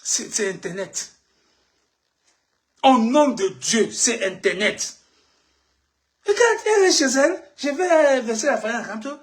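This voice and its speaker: A woman, giving a heated, impassioned live video rant as a political activist, shouting at times and switching into English. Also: fairly high pitch.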